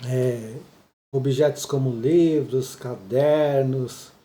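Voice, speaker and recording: A man's voice: mid-range voice, fairly even intonation, very slow, warm tone, reverberant. A man explaining a Japanese listening lesson patiently, often checking in with his listeners. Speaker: Japanese teacher.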